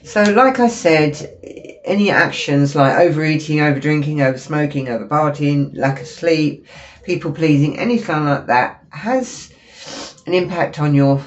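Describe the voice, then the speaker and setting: Sniffly woman giving a casual tarot reading. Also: deep voice. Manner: chatty and apologetic, often pausing with fillers. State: has a cold, sniffling. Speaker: tarot reader. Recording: dull lo-fi recording with faint noise.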